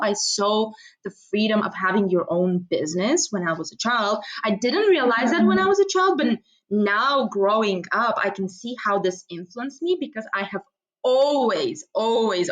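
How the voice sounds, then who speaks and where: Podcast guest: young Bulgarian-born woman, mid-pitched, energetic storyteller. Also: lo-fi sound. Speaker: podcast guest, business mentor. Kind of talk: podcast interview.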